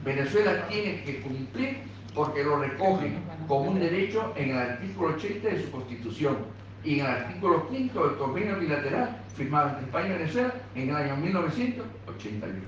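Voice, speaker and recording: A man's voice: fairly high pitch, animated, brisk, muffled recording. A man representing a pensioners' association, making an earnest, insistent public appeal. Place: meeting room in parliament. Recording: echoey room, recorded from far off, noisy.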